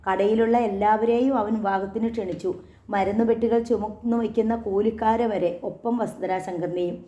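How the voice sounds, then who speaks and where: A woman who reads an audiobook story aloud in a measured, dramatic way. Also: medium pitch, steady tone, dark tone, roomy sound. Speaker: audiobook narrator. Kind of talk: scripted narration. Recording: dull lo-fi audio.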